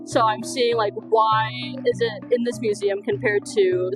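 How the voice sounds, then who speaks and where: Woman, higher voice, thoughtful musing, music behind. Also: steady tone, unhurried, poor audio. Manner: thoughtful, searching for words. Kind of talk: casual reflection.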